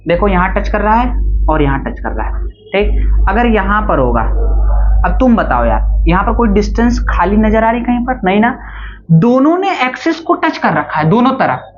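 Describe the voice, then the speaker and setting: Male maths teacher, classroom lecture, repeats phrases, slow dictation, dull recording, faint background noise. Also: sits high, very animated. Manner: repeats key phrases, dictates slowly word by word; asks students quick check-up questions. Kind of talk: classroom lecture, mixing Hindi with English terms. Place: classroom with students.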